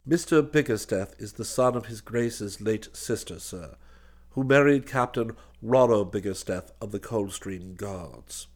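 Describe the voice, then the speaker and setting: A man doing a calm, formal valet. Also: fairly low pitch, a little slow, voice pushed down. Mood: composed. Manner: formal, unflappable, says sir. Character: deferential, all-knowing male valet.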